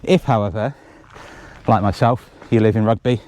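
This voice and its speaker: A man's voice: on the low side, moderate pace, a little mellow, slight background noise. A man organising a race, chatting casually and out of breath as he runs a forest trail, rambling with jokey asides. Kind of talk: casual running commentary.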